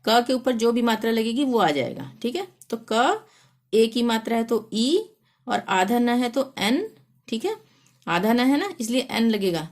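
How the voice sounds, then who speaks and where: A woman's voice: fairly high pitch, expressive, unhurried. A woman teaching a lesson, patiently explaining spelling step by step and sounding out letters one at a time. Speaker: Hindi teacher.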